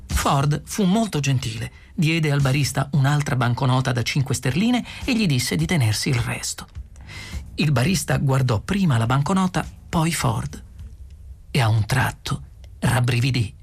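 A man reads a novel aloud in a husky, slightly breathy voice at a middling pitch. His storytelling is steady and measured, with a plain, even flow. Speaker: audiobook narrator. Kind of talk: scripted narration.

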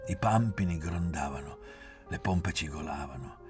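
A man reading a literary novel aloud in a measured, expressive way. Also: rumbling low, over music. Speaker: reader.

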